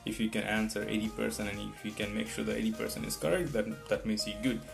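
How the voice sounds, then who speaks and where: Talking to camera over background guitar music, a non-native English-speaking man offers meandering test-prep tips. He restarts often and keeps asking "right?". His voice is lowish and gravelly, with a steady tone and a fast pace.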